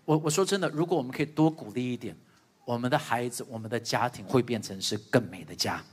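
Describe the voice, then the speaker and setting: A man's voice: medium pitch, fast talker, long reverb tail. A middle-aged male pastor giving a sermon, telling stories about his family and acting out what each person says. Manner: animated storytelling, acting out family dialogue. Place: church stage.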